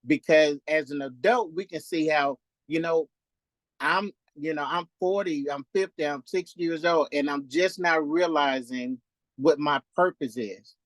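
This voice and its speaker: Halting man in his fifties. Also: on the high side, no echo. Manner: halting, many restarts and fillers. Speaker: participant on a call-in Q&A. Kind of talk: casual faith discussion.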